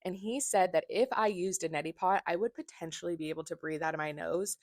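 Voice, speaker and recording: Blunt, low-voiced woman vlogger. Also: brisk, no room sound, studio quality. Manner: candid and blunt, with swearing. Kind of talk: casual personal vlog.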